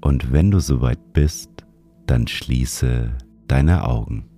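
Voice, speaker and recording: A man narrating a sleep meditation like a bedtime story narrator, guiding the listener gently and soothingly. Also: very deep voice, slow. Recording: music behind the voice. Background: music.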